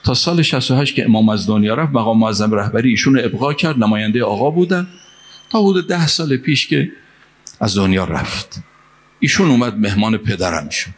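A man's voice: fairly low pitch, lively intonation. A man from Mashhad delivers an impassioned sermon, weaving in a story. He recites Arabic phrases and lines of verse, and his voice climbs to emphatic peaks to drive home a point. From Mashhad, Iran. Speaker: preacher.

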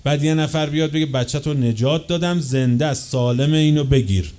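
A man preaching a sermon with passion, swinging from loud, slow declaiming to quick, quieter asides. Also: on the high side. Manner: chants quoted chains of narrators slowly.

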